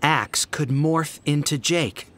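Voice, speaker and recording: A man voicing a gentle, earnest teenage girl in a fan audiobook, speaking softly and sincerely. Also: a little high, slow pace, voice pushed up. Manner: soft, earnest.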